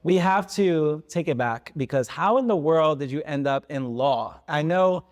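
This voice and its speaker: A man's voice: on the high side, animated, normal speed, big-room sound. A man hosting a podcast, chatting loosely and encouragingly as he introduces and questions his guest. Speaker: podcast host. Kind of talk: podcast interview.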